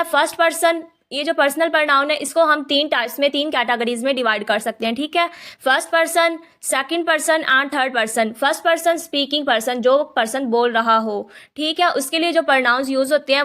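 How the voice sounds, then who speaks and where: High-voiced woman teaching grammar. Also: normal speed, pushed and bright. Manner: explains in Hindi-English mix, repeats "ठीक है" often. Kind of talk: online lesson.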